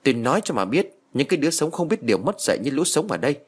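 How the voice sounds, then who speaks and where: A man's voice: sing-song, very fast, husky. A man voicing a spiteful, foul-mouthed old village woman who curses and wails. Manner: shrill, cursing, wailing.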